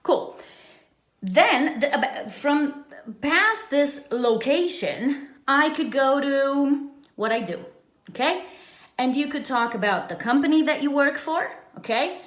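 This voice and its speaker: In an echoey, roomy recording, an English teacher runs a casual bilingual lesson, often tossing in brief tag questions to check on her listener. Her voice sits high with a fairly bright tone and lively intonation, and she speaks slowly.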